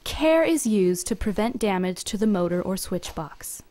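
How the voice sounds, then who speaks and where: Woman doing a scripted how-to voiceover, steady and measured, step by step. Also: medium pitch. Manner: even, measured, step-by-step delivery. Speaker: company video narrator. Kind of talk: scripted instructional voice-over.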